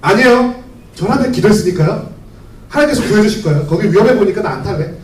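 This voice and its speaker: A stubborn, fervent believer pleads loudly to God in a high, swooping voice, as a pastor puts him on in his sermon. The tone is insistent and aggrieved. The sound is roomy and heard from across a hall. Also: lively intonation, fast talker, recorded from a distance, a little hiss or hum. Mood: stubborn refusal. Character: stubborn devout man praying on a flooded rooftop.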